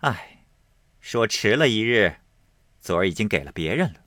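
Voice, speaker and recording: A man voicing a brisk, teasing, authoritative young noblewoman in a storybook reading. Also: lowish voice, big pitch swings, fairly bright tone, no room sound, clean studio sound. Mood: commanding. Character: sharp, commanding young noblewoman of the household.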